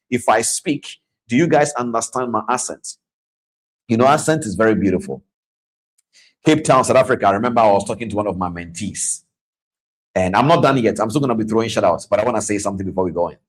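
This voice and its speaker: This trading coach talks a little fast and animatedly in a medium-pitched voice, captured on a low-quality recording. Hosting a live-stream masterclass, he chats, repeats himself, and greets audience members by name.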